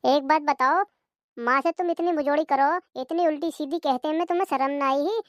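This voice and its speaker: Brief: woman playing a concerned young cartoon daughter, high voice, dry mic. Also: fairly quick, no echo, natural voice. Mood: scolding. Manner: concerned, then confrontational. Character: young married daughter visiting her mother, protective.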